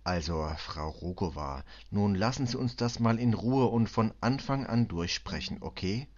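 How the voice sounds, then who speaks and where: A man playing a patient middle-aged police inspector, speaking calmly, clearly and reassuringly. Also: on the low side, normal speed, highs cut off, lightly acted.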